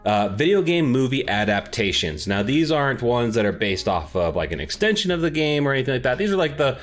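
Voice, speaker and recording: Speaking fairly quickly in a sing-song, mid-range voice, a male podcast host chats informally and pokes fun at himself. He records in an echoey, unsoundproofed home office with music running underneath.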